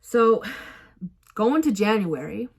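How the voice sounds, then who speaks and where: A woman's voice: mid-range voice, sing-song, slow, creaky, darkish tone, slightly rough. Rambling, self-mocking young woman vlogger. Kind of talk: casual storytelling vlog.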